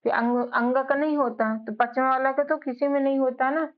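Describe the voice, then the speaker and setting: With a high, steady voice at a normal speed, a woman leads beginners through English spelling sound by sound. She regularly asks questions and answers them herself, and the recording is dull and lo-fi.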